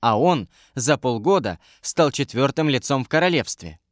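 A man reading an audiobook, voicing an anxious young woman servant who gives hushed, earnest warnings. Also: medium pitch, animated, normal speed, dry recording, studio quality, natural voice. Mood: worried.

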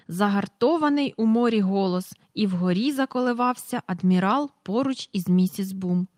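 Woman storybook narrator, even delivery, dry close-miked sound. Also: medium pitch, no room sound. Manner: even, clear reading, reads out page numbers. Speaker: audiobook reader.

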